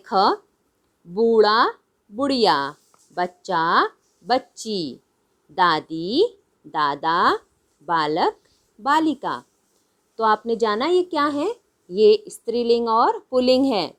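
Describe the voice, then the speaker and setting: A woman teaching a primary school language lesson, reading words one by one and repeating them patiently for children. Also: mid-range voice. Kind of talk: slow Hindi lesson for young children.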